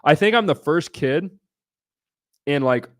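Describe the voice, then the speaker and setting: This young adult livestream host from Southern Ohio answers his viewers' questions brashly and bluntly, cursing freely. His fairly high voice is expressive and unhurried, captured in a dry, studio-quality recording.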